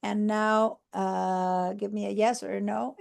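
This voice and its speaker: A woman from Argentina, with a gravelly, darkish mid-range voice, teaches a live online computer class in a flat, slightly slow delivery. Patiently, she explains each step, using fillers and checking on her students as she goes.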